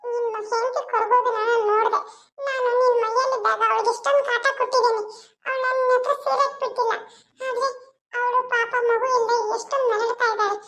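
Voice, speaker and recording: A shrill, flat cartoon ghost. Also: brisk, exaggerated voice. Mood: soothing. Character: restless ghost seeking peace, gentle and helpful. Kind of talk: cartoon voice acting.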